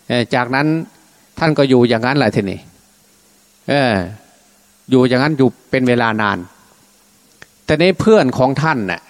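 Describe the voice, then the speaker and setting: A man preaching as a Buddhist monk, telling a scripture story in colloquial, unscripted speech and voicing the dialogue himself. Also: medium pitch. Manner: colloquial, acts out dialogue in his own voice. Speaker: Buddhist monk giving a Dhamma talk.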